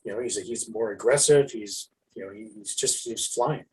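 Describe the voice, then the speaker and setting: Husky-voiced man in casual hockey chat. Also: fairly low pitch, low-quality recording. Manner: animated, swearing, halting restarts. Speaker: podcast co-host.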